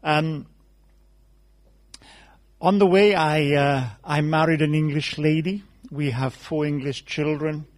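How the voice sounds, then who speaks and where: A man from South Wales with a Welsh accent, a guest preacher giving a conversational sermon told as stories with gentle humor. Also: on the high side, fairly even intonation, slow pace, pauses often.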